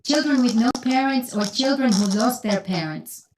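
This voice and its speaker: A woman's voice: on the high side, animated, moderate pace, background noise, lightly acted. A woman playing an orphanage founder in an interview. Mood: calm. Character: warm-spoken female orphanage founder. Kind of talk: scripted course-audio interview.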